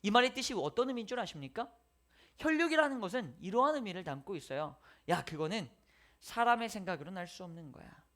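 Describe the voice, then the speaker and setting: A man's voice: high voice, fast. A man preaching a sermon as pastor, telling stories with acted voices and dropping to whispers. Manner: lively storytelling, acting out voices, shifting from loud to whispered.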